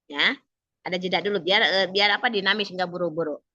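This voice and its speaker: A woman's voice: lowish voice, fairly quick, pushed and bright, no room sound. A woman briefing trainees in an online class, chatty and instructive, acting out sample exam dialogues. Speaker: training mentor. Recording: dull lo-fi video call audio.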